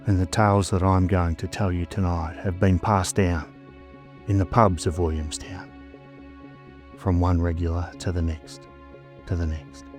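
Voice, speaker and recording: A man's voice: deep voice, little pitch movement, measured pace, music in the background. An Australian man narrating scripted ghost stories as a storyteller host, in a suspenseful, dramatic manner with short phrases.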